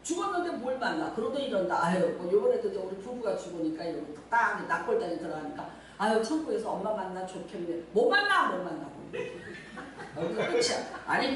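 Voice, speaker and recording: Woman pastor, middle-aged, preaching with a bright, high, swooping voice; echoey sanctuary, mic set back. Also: a little hiss or hum. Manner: lively, acts out scenes, talks directly to the congregation. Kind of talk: sermon. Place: church sanctuary. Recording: echoey church room, mic at a distance.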